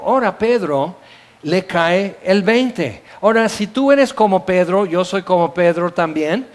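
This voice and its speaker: High-voiced lively Mexican preacher. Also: male voice. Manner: lively storytelling with sound effects and asides. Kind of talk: sermon.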